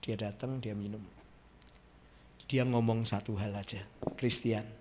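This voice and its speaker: A male pastor preaching a sermon, telling a personal story to the congregation, dropping soft and then rising to loud emotional peaks. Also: fairly low pitch, fairly even intonation, unhurried, background noise. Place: church.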